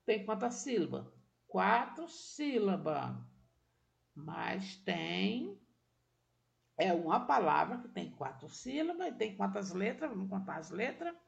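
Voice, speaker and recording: A woman's voice: mid-range voice, big pitch swings, slow pace, gravelly. A woman teacher giving a patient remote literacy lesson to children, walking through each step and checking that they follow along.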